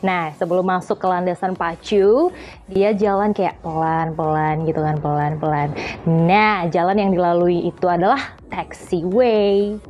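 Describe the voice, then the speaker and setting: The host of an aviation explainer channel, a woman, speaks unhurriedly with a lowish, darkish voice and a steady tone, though the recording sounds muffled. She teaches in a jokey, casual, colloquial manner, performing little dialogues to show what she means.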